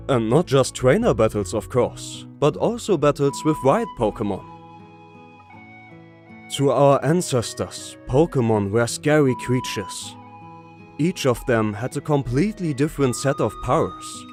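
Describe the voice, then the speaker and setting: A man's voice: medium pitch, a little mellow, natural voice. A man playing a wise, patient old professor in a manga dub, explaining things philosophically.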